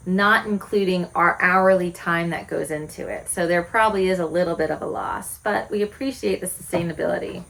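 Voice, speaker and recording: A homesteading vlogger in her forties speaks earnestly and candidly to camera, reflecting on her lifestyle through many rhetorical questions. Her voice is lowish, gravelly and fairly bright, and the audio is poor.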